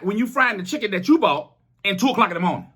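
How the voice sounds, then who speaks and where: A middle-aged man telling a story in a casual, animated way, with plenty of swearing and acted-out dialogue. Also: high voice, quick pace, slightly rough. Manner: animated, profane, acts out dialogue.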